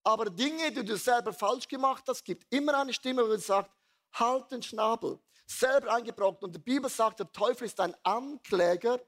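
High-voiced preacher. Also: male voice, moderate pace, hardly any pauses. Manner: lively storytelling, blunt and earthy. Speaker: pastor. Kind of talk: sermon.

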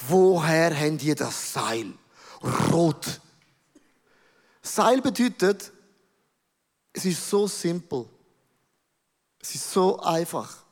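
A man with a Swiss German accent preaching a sermon, emphatic and peppered with English words. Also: sits high. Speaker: pastor. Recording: reverberant large hall.

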